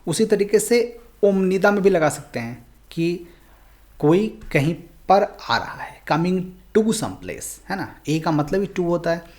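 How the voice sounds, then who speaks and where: A man's voice: sits high, big pitch swings, slow, darkish tone. Man teaching a language lesson. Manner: explains patiently, mixing Hindi and English.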